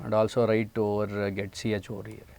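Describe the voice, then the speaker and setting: A man's voice: lowish voice, completely flat delivery, a little fast, creaky, darkish tone. A man in his forties with an Indian English accent, giving a programming lecture step by step with many hesitant fillers. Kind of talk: classroom lecture. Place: studio set, indoors.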